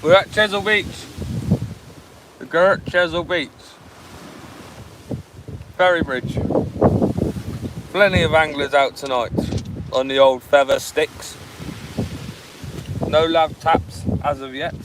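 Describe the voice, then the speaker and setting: A man with a fairly high voice and a West Country English accent, chatting informally to live-stream viewers. His talk is slangy and casual. He is outdoors, with clear wind noise on the microphone. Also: a little slow, long pauses. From England. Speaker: live-stream host, angler. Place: outdoors on a windy beach.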